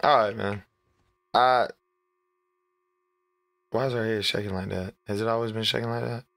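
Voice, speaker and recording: A man's voice: on the low side, fairly even intonation, normal speed, gravelly, fairly bright tone, no room sound, studio quality. A man hosting a gaming video, giving casual, slangy, incredulous commentary as he plays. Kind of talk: casual let's play commentary.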